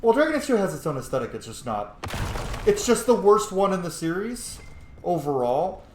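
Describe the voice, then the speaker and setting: A gaming video host, a man with a high, darkish voice whose pitch swings widely, delivers casual, rambling, opinionated gameplay commentary at a normal speed, swearing now and then. The recording has a roomy echo and faint background noise.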